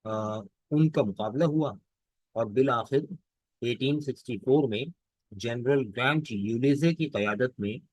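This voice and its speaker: A male teacher gives a lesson, speaking in a mid-range voice. He reads lines of the text slowly, then explains them in Hindustani, often asking a question and answering it himself. The recording is close and dry, with no room sound. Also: medium pitch, no echo, poor audio. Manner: fills pauses with "theek hai". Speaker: English teacher. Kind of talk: lecture explaining a text line by line.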